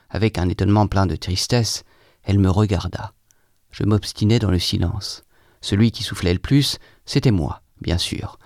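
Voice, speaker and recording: Low-voiced man reading a novel dramatically. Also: no room sound, studio quality. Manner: expressive, swings from feverish outbursts to hushed murmurs. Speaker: audiobook narrator. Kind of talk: dramatic first-person literary reading.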